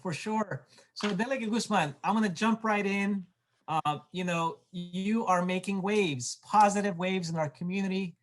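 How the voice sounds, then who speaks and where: A man's voice: sits high, moderate pace. A man from Peru hosting an interview over a video call, speaking with enthusiasm and stumbling through restarts. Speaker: host, moderator. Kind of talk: hosted interview.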